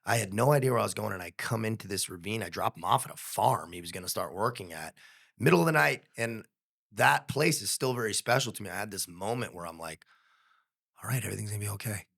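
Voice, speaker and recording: A man's voice: lowish voice, animated, fast talker, creaky, fairly bright tone. A young adult man talking as a podcast guest in a casual, earnest and reflective way, swearing freely. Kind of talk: casual conversation.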